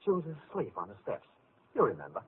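An actor playing an earnest young gentleman suitor in a vintage radio play, polite and hesitant. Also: on the low side, wildly swooping pitch, fast, husky, heavily acted. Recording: tinny noisy old radio broadcast.

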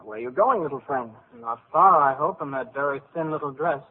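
An actor voicing the kindly spirit of the month of March in a vintage radio play, concerned and gentle. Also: male voice, mid-range voice, expressive, brisk, close to an everyday voice. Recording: tinny noisy old radio broadcast.

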